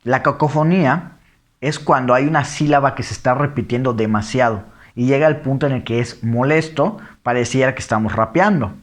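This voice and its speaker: A man explaining diction errors in a lesson, reading example phrases slowly and then quickly. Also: medium pitch. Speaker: teacher. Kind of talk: lecture on diction.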